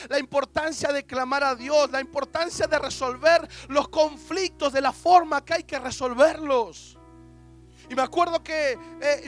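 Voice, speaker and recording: A man's voice: extremely high pitch, a bit bright. A young man, preaching a sermon as an emotional personal testimony with quoted dialogue.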